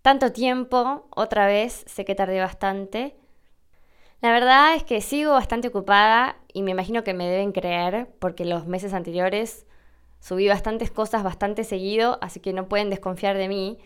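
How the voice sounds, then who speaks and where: Woman hosting her podcast, chatty and jokey, smooth clear voice. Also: medium pitch, moderate pace. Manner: chatty, joking, animated delivery. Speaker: podcast host. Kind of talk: casual podcast monologue, reading a listener email.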